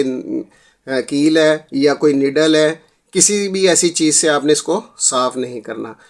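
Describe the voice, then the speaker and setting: Chatty man hosting a repair tutorial. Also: on the high side. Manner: chatty, repeats filler phrases, addresses viewers as friends. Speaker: tech repair channel host. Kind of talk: casual how-to tutorial.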